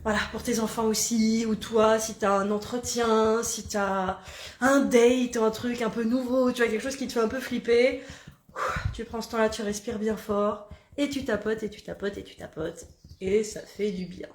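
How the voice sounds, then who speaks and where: A woman coach guides a quick morning self-massage routine, chatty and playful and ready to laugh at herself. She puts on a southern French accent, and her voice sits a little high. The recording has an echoey room sound. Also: fairly even intonation, a little hiss or hum. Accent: put-on southern French. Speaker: body coach.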